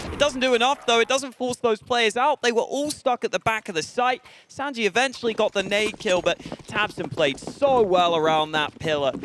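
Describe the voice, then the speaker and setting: A man's voice: high voice, background noise. A man working as an esports caster, giving analytical live commentary that breaks down each play of a match. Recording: game gunfire and clicks behind voice. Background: game gunfire and clicks.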